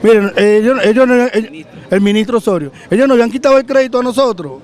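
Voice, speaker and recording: High-voiced Venezuelan man complaining. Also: fast talker, a little mellow. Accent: Venezuelan Spanish. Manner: urgent, repetitive complaint. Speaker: cooperative member. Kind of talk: street interview. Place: city plaza outdoors. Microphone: handheld reporter mic.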